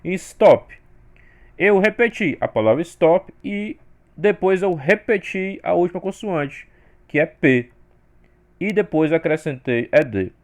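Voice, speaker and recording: A Brazilian man teaches an English grammar lesson, explaining the rules step by step and saying the sample words louder. His voice is fairly high and expressive, and he speaks at a slow pace.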